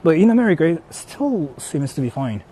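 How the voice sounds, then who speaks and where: A Japanese live streamer with a Japanese accent talks outdoors on a noisy city street, traffic and urban ambience around him. His fairly quick, mellow voice sits on the high side with big pitch swings and a breathy edge as he rambles casually and bluntly answering viewers.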